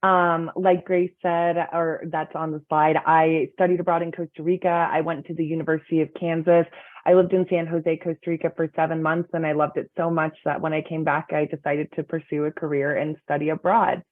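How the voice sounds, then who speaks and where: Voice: mid-range voice, no room sound. A panel moderator on a video call who guides speakers in turn, friendly and organized. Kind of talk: hosting a webinar panel. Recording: tinny phone-like video call audio.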